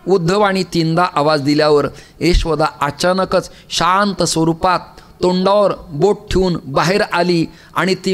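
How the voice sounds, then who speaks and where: A man giving a devotional kirtan sermon with storytelling, acting out the characters' lines and climbing steeply in pitch on emphatic calls. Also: smooth. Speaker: kirtan preacher. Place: temple hall.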